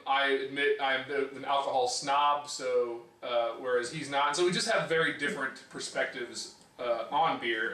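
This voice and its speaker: Casual co-host, man, hesitant with fillers; bright tone, echoey room, mic set back. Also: medium pitch, recorded from a distance. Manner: hesitant, many filler sounds and restarts. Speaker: co-host of a beer review show. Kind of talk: casual chat. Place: home room.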